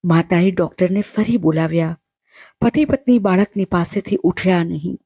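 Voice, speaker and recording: A woman storyteller reading a literary short story aloud in a measured, steady way. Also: fairly low pitch, slightly rough, dry recording, lo-fi sound.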